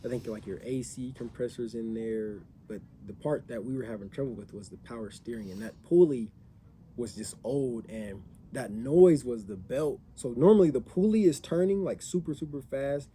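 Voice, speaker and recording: Casual male vlogger, mellow tone, rambling storyteller, slight background noise. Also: mid-range voice, lively intonation, moderate pace. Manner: rambling storyteller with restarts and laughs. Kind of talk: casual chat.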